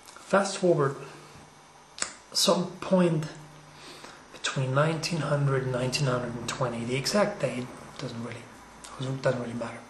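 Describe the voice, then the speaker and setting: Male storyteller, relaxed and chatty with lots of asides; roomy echoey room. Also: medium pitch, measured pace, pauses often, a little hiss or hum. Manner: loose and conversational, with frequent "you know" and "like" asides. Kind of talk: casual spoken storytelling.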